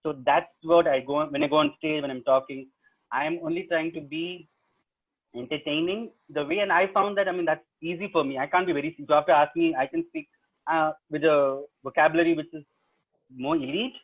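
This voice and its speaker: A man's voice: a little high, fairly quick. South Indian man, thin phone-like sound. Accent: South Indian English. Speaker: storyteller and stage performer. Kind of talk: webinar question-and-answer talk. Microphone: video call. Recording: narrow, phone-like online call audio.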